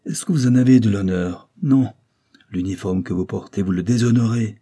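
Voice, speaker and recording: A man voicing a proud, fierce young woman warrior who speaks with loud scorn. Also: low voice, level tone, a little fast, husky. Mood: scornful, fierce.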